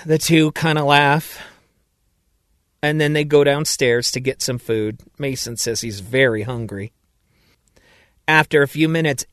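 A man narrating a story in a slow, even storytelling manner. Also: medium pitch, no room sound, clean studio sound. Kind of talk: scripted narration.

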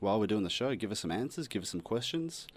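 A man's voice: lowish voice, sing-song, quick pace. A man co-hosting a casual comedy podcast, joking and laughing often. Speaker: podcast co-host.

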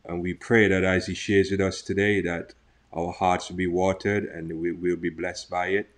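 A man's voice: sits low, flat delivery, normal speed. A man hosting a faith talk show, leading a prayer and joking with his guest. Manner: friendly, jokey banter. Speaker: host.

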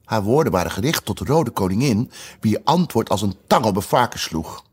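Husky, lively storybook narrator, man. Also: lowish voice, brisk. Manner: lively, expressive. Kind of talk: storybook reading.

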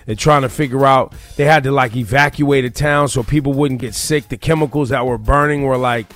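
An American man hosts a radio morning show, speaking at a medium pitch with a steady, slightly bright tone and a fairly quick pace. His talk is casual, slangy and opinionated, and he repeats phrases for emphasis. The close studio broadcast mic gives a dry studio sound over a music bed.

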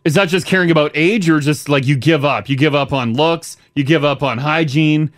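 A man's voice: on the high side, normal speed, no room sound, clean studio sound. A man co-hosting a casual radio show, joking and bantering with his co-hosts. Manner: jokey, puts on silly quoted voices. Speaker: radio co-host.

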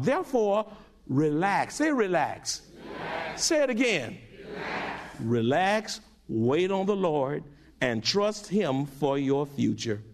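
Middle-aged guy preaching, lots of back and forth with the church, voice swings up and down a lot. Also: high-pitched. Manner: animated preaching, call-and-response with congregation. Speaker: pastor. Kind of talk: sermon.

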